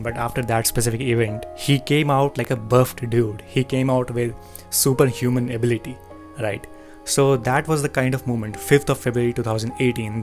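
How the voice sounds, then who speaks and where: Young guy telling his own story, earnest and reflective, soft guitar behind him. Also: medium pitch. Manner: earnest, reflective, with fillers and self-corrections. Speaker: channel host. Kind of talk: personal storytelling.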